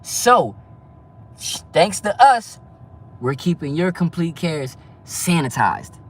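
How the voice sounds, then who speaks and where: A fast-talking man in his thirties from New Jersey, chatting loosely on a live stream. His voice sits a little high for a man, and he peppers everything with street slang and "you feel me.". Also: very animated, distant mic. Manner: fast, loose street talk, constant "you know what I mean". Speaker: livestream host. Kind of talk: casual live-stream chat.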